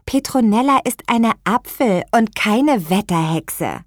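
A woman voicing a dreamy, slightly stubborn young girl in an audiobook, who also sings a slow children's song. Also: mid-range voice, lively intonation, no room sound, studio quality, pitched above the performer's own voice. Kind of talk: audiobook character voice.

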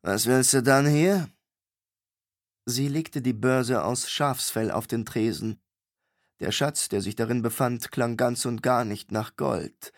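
A man reading a fantasy novel aloud in a measured, even storytelling delivery. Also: medium pitch, dry recording, clean studio sound. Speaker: audiobook narrator. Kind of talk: scripted fantasy narration.

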